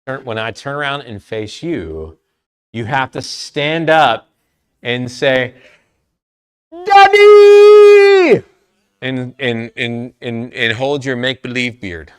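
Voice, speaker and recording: A man leading a trivia game for a church youth group, talking playfully and sometimes loud. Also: mid-range voice, a little slow, smooth. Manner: playful, lively, loud at times.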